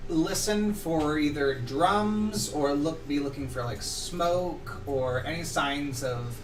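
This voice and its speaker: A man's voice: on the high side, slow pace, music in the background. Distant man in a roomy space. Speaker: player. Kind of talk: tabletop game play.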